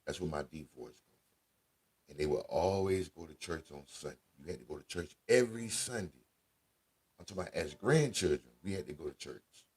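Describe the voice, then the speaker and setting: A man with a deep voice, telling casual family stories as a radio show host, laid-back and conversational with slang. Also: expressive, normal speed, a little mellow, slightly rough. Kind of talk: casual storytelling monologue.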